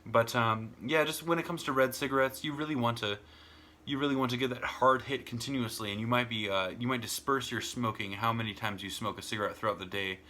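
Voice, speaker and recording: A man's voice: mid-range voice, a little fast, bright, forceful tone, a little hiss or hum. An American man vlogging in a casual, rambling monologue, repeating words and adding "and whatnot" as he talks from a smoking room at home. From United States. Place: home smoking room with door open and fan on.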